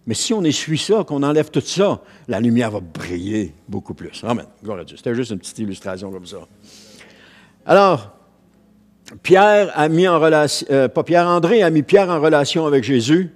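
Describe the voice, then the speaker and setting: Quebec French pastor preaching a sermon. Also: male voice, on the high side, very animated, moderate pace. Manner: earnest preaching with repeated phrases and restarts.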